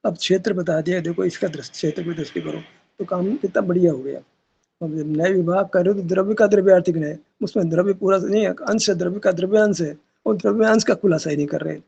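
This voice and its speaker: A man's voice: sits high, fast talker, gravelly, a little mellow, slightly rough. A man teaching at a meditation session, arguing his point with rhetorical questions and casual asides. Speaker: spiritual teacher. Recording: dull lo-fi recording.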